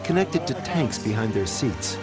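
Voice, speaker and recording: A man narrates a documentary in a mid-pitched voice, reading from a script. Music plays clearly behind him. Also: sing-song, moderate pace. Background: music bed.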